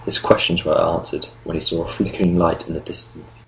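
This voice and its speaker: A man reading an audiobook novel in steady, measured narration. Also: sits low, creaky, slight background noise, low-quality recording. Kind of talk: scripted narration.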